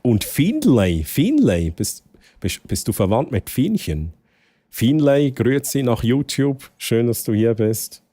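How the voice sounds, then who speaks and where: A young Swiss man streaming live in casual chat with a Swiss German accent, excitable and prone to loud outbursts. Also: takes it slowly, dry recording. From Switzerland. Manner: excitable, bursts into loud high exclamations and laughter.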